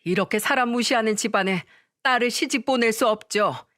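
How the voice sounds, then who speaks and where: A woman's voice: a little high, fairly quick, a bit bright, no echo, close to an everyday voice. A woman voicing a middle-aged mother who stays polite but firm, in a storybook reading with a dry sound.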